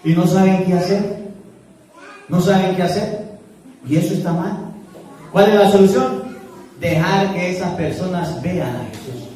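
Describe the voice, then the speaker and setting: A man's voice: sits high, a little slow, long pauses, warm tone. A man preaching a sermon as a priest, emphatic and repetitive, urging his listeners. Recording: echoey church from far off.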